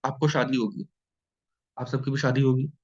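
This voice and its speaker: A man teaching an exam-prep class in a lively, joking way, often checking in with his students. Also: medium pitch, normal speed. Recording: dull lo-fi sound.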